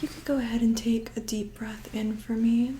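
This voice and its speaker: A woman doing a soft, breathy ASMR role-play of a medical exam, with a gentle, calm, reassuring nurse-like manner. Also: a little high, normal speed, a little hiss or hum. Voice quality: soft, breathy, often soft-spoken. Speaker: ASMR performer playing a medical examiner.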